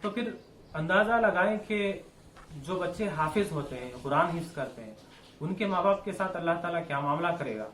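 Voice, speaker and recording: Man, religious teacher; patient repetitive explainer, fairly high pitch, roomy echo. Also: a bit bright, slight background noise. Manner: explains step by step, repeats and rephrases. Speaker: Quran teacher. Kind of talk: religious lesson. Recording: echoey room with faint ambience.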